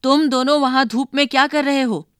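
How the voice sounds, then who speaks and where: A woman's voice: high voice, fairly even intonation, normal speed, dry recording, studio quality, pitched above the performer's own voice, close to an everyday voice. A woman voicing a stern, fretful mother who scolds her two children, in a storybook reading. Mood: scolding. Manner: scolding, exasperated.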